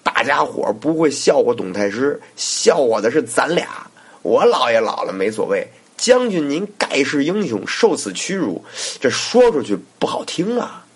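A man's voice: mid-range voice, big pitch swings, moderate pace, slightly rough. A man voicing a scheming older male court minister who coaxes and persuades. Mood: coaxing. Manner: wheedling, persuasive.

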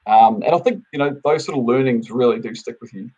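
A man's voice: mid-range voice, a little fast, warm tone, slightly rough, highs cut off. A man from New Zealand with a New Zealand accent, a podcast guest telling his story steadily, with many fillers. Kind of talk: casual podcast interview.

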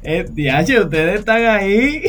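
A man's voice: sits high, animated, measured pace, fairly bright tone, soft background music. A man casually moderating a timed sports debate.

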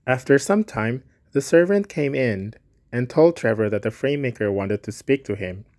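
A man's voice: mid-range voice, expressive, normal speed, a little mellow. Man reading a story aloud. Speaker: story reader.

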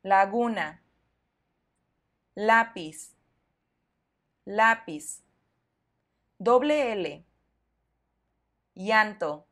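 A woman's voice: mid-range voice, fairly bright tone. A woman with a Mexican accent, teaching Spanish pronunciation on a podcast and enunciating each word carefully before repeating it.

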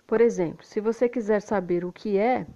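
A woman with a Brazilian Portuguese accent, a native Portuguese speaker, teaching English and slowly repeating example phrases, often adding "né?". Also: medium pitch, highs cut off, background noise. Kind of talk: slow explanatory lesson.

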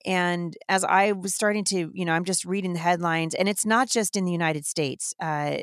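Indignant low-voiced woman host. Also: no echo, clean studio sound. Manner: indignant, emphatic, fast-flowing. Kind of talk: impassioned devotional talk.

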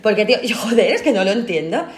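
A woman's voice: mid-range voice, animated, quick pace. A woman, co-hosting a casual podcast chat and ranting with gusto as she acts out other people's lines. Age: 30s. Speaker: podcast co-host. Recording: roomy studio room.

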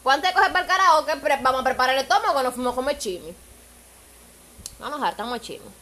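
A woman's voice: high voice, expressive, quick pace. A woman with a Dominican accent, chatting on a podcast and telling stories through bursts of laughter. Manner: laughing, loud storytelling. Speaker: podcast co-host. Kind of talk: casual chat.

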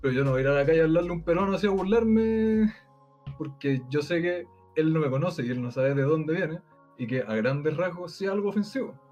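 A man's voice: fairly high pitch, fast talker, darkish tone, muffled recording, soft background music. A Chilean man with a Chilean Spanish accent debating in casual chat, rambling with many fillers and restarts.

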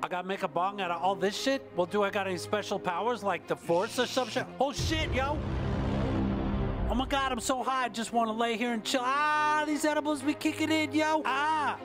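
An actor plays a goofy stoner character in a cartoonish parody, of unclear sex. The talk is slangy, dazed and hyped up. Loud music runs behind the voice. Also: mid-range voice, moderate pace, natural voice. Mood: stoned, excited. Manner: stoner drawl, slangy "yo" and "homie". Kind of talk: comic parody voice acting.

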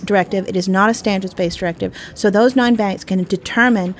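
A woman's voice: mid-range voice, steady tone, a little fast. Emphatic woman, 40s, panel guest, faint background noise. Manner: emphatic, opinionated. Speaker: industry panelist. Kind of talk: casual panel discussion.

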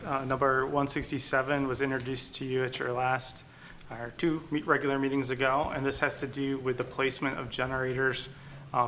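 Man, crisp bright tone, gravelly fry, formal staff presenter, meeting room mic. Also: mid-range voice, slight background noise. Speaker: city planning staff presenter. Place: council chamber meeting room.

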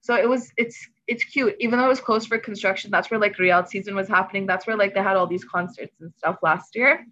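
A woman's voice: mid-range voice, fairly quick, few pauses, a bit bright, lo-fi sound. A woman in her twenties chatting casually and expressively as a podcast co-host. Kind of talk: casual chat.

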